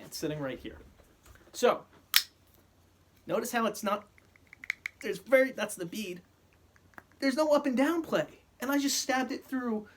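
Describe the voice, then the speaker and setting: An angry man ranting straight to his audience. He swears constantly and stumbles through restarts as his temper runs hot. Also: high-pitched. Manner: profane, heated, stammering restarts. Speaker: vlogger. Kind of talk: angry rant to camera.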